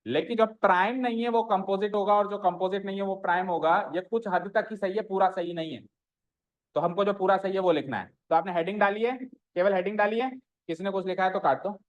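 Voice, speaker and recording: A maths teacher with a brisk, high-pitched voice runs his classroom lesson by asking students questions and saying their answers back, mixing in English mathematical terms. The highs in the audio are cut off.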